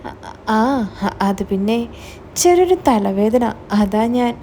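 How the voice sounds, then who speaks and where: A woman's voice: fairly high pitch, expressive, moderate pace, mellow, slight background noise, close to an everyday voice. A woman voicing a flustered middle-aged mother who stammers out hesitant excuses.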